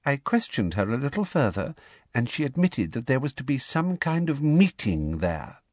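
A man voicing a smug female official in an audiobook, soft and condescending with a falsely kind manner. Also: medium pitch, big pitch swings, moderate pace, dry recording, studio quality, pitched above the performer's own voice. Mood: smug, reporting. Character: silky, smug, sickly-sweet middle-aged female official.

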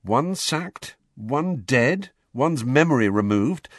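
A man's voice: mid-range voice, lively intonation, takes it slowly, no room sound, studio quality, voice pushed up. A man voicing an earnest, modest teenage boy in an audiobook, speaking in a plain, earnest way. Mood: matter-of-fact. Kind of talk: audiobook character voice.

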